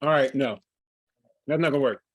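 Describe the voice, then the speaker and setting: A man running a livestreamed tabletop game as game master, halting and full of fillers and restarts. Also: medium pitch, no echo.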